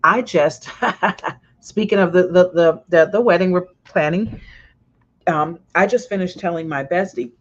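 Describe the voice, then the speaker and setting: A woman hosting a casual talk show as a coach, telling stories with lively swings when she quotes people. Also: fairly low pitch, unhurried. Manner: animated storyteller, swings loud when quoting. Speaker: podcast host and coach. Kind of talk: casual chat. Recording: slightly dull lo-fi sound.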